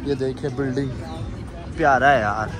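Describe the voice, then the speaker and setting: A man's voice: mid-range voice, fairly even intonation, normal speed, low-quality recording. A young man with a Punjabi accent, joking and teasing as he vlogs into a phone held at arm's length while walking through a busy mall. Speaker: vlogger. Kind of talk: casual vlog. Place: busy shopping mall and outdoor promenade. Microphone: phone camera at arm's length. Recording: crowd and street noise behind. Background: crowd chatter.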